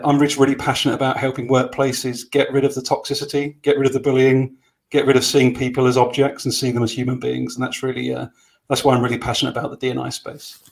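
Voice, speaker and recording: A man's voice: mid-range voice, vocal fry. A man speaking on an online panel, reflective and passionate, often restarting his sentences. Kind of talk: casual online panel talk.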